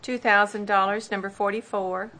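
A woman's voice: mid-range voice, flat delivery, moderate pace, bright, forceful tone. A woman auctioneer formally reading out parcel numbers and bids at a tax sale in a plain, procedural way.

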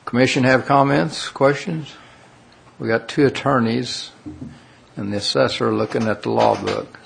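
A man's voice: medium pitch, steady tone, measured pace, vocal fry, slight background noise. A man chairing a public commission meeting, pressing others for direct answers.

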